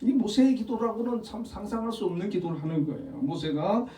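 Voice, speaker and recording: A male pastor giving a Sunday morning sermon in a conversational, animated storytelling manner with frequent chuckles. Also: high voice, a little fast. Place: church sanctuary. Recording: echoey hall, voice from a distance.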